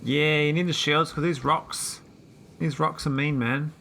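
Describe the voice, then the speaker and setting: A man chatting casually while streaming a game, rambling with many pauses and talking to his viewers. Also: a little high, steady tone, pushed and bright, slight background noise. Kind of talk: casual live-stream chat.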